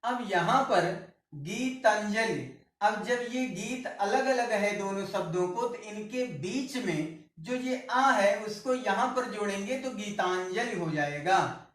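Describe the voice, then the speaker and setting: A man teaching a grammar lesson at a board, speaking slowly and repeating each word as he writes it, sometimes correcting himself. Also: high-pitched, expressive, fairly bright tone, distant mic. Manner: slow, repeats words while writing on a board. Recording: roomy echo, speaker away from the mic.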